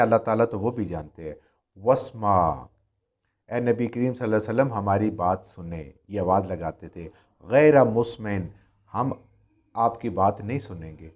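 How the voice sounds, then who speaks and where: A man's voice: mid-range voice, darkish tone. Man reciting and explaining scripture. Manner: recites Arabic verse, then explains it at length; repeats and rephrases points for emphasis. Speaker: Quran teacher. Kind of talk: Quran commentary lesson.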